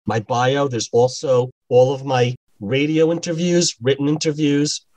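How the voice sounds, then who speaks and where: A man's voice: mid-range voice, steady tone, a little slow, a little mellow, poor audio. A man, an author, reading an excerpt from his novel and then answering interview questions plainly.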